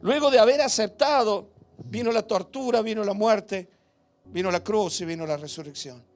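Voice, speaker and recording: A man preaching a sermon as pastor, emphatic and questioning, with big swings between loud and hushed. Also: high-pitched, normal speed.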